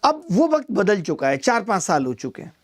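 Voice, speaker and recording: A man's voice: high voice, big pitch swings, brisk. Man, maths teacher, live online class, chatty, teasing asides, step-by-step explaining. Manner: explains step by step, repeats key numbers.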